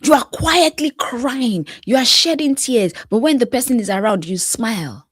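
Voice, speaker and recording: A woman's voice: a little high, moderate pace, husky, no echo, studio quality. A woman life coach giving an emphatic motivational talk, repeating phrases with a preacher-like cadence and sometimes dropping to a whisper.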